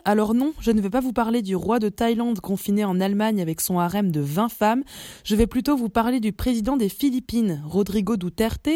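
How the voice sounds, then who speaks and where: Mellow-voiced woman reading news briefs. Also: medium pitch, no echo, clean studio sound. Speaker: news segment presenter.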